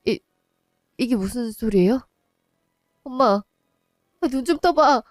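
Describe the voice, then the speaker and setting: A woman's voice: on the high side, takes it slowly, no echo, clean studio sound, soft background music. A woman voicing a distraught young wife and daughter who pleads and cries out in a one-voice audio drama. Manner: pleading, rising to anguished cries.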